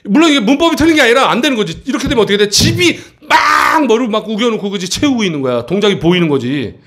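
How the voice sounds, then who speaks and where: A man teaching an English textbook passage to middle school students in a classroom, often checking in with quick questions. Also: sits high, lively intonation, a bit bright.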